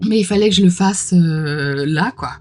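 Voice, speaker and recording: Slightly unwell and clearing her throat, a woman hosts a tarot unboxing channel, gushing informally and exclaiming often over music. Her voice is fairly low and darkish, at a moderate pace.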